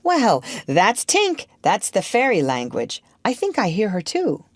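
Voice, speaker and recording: A woman voicing Peter Pan, a cocky, cheerful boy who never grows up, in a high, boyish, boastful tone for an audiobook. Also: wildly swooping pitch, a little slow, dry recording, clean studio sound, full character voice. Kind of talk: audiobook character reading.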